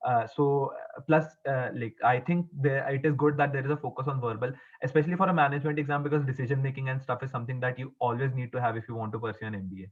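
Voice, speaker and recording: A young man giving formal interview answers as an exam topper, speaking in a halting, earnest, explanatory way with frequent stumbles and repeats. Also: mid-range voice. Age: young adult. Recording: muffled, phone-like narrow band.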